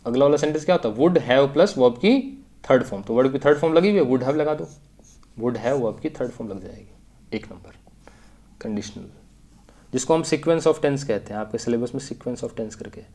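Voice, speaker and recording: A man's voice: mid-range voice, fairly quick, warm tone. A man teaching an exam-prep English grammar lesson, explaining step by step and repeating key phrases.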